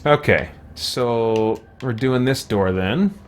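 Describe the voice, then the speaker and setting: A man with a mid-range voice speaks slowly while hosting a let's play. His commentary is casual and conversational, musing and easily amused, and he reads from chat as he games.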